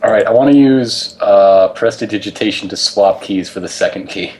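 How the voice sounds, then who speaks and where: A man's voice: on the low side, moderate pace, a little mellow, slight background noise. A man playing a tabletop game, talking casually as he makes his moves and banters in character.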